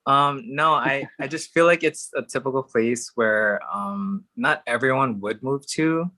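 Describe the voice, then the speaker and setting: A young man from Hawaii, a drag performer and podcast guest, chatting casually and warmly and laughing often. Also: medium pitch, measured pace, no room sound. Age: young adult. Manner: chatty, warm, laughs often between phrases. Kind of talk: casual chat.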